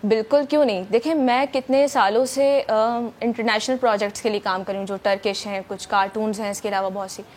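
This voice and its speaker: A woman's voice: mid-range voice, steady tone, hardly any pauses. A young woman from Pakistan, a voice-over artist, chatting eagerly in a morning show interview with many fillers. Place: TV studio.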